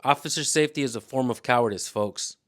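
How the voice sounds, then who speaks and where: A man's voice: mid-range voice, fast talker, fairly bright tone. Indignant male video commentator. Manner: indignant, addresses viewers as folks. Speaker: commentary channel host.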